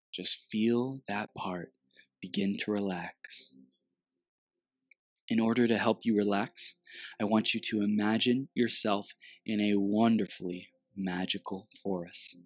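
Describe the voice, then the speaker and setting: A man leading a guided meditation with a soothing delivery and long pauses, speaking softly as if right in your ear. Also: fairly low pitch, dry recording.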